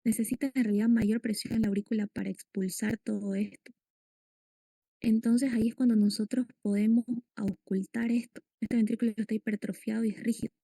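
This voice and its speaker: A woman teaching a medical class, explaining step by step and putting questions to her students. Her voice sits a little high, with a gravelly edge and a mellow, dark tone. The sound is dry and close. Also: flat delivery, a little fast, no echo. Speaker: lecturer. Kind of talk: medical lecture.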